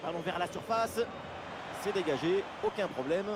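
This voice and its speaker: A man giving excited football commentary as play-by-play, with exclamatory calls. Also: sits high, normal speed. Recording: loud stadium-like background noise.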